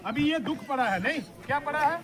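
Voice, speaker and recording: A man's voice: extremely high pitch, expressive, a little fast, very noisy. A man preaching an outdoor sermon by a river, urging the crowd to repeat his lines back to him. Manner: exhorting, leads call-and-response with the crowd. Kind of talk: outdoor sermon at a church picnic. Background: crowd of listeners.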